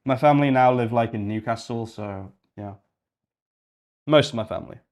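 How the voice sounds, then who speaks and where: Chatting casually on his coding livestream, a young man from Yorkshire, England, rambles and thinks aloud as he clicks around. He talks at normal speed in a mid-range, slightly mellow voice.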